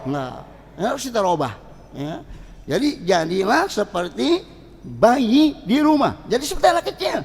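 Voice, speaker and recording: A middle-aged preacher with a Betawi Jakarta accent, talking in a lively, colloquial way. His high voice swings widely in pitch and turns gravelly at times. It carries the long reverb of a mosque hall. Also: normal speed, slight background noise. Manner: animated, colloquial, acts out quoted voices. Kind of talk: sermon.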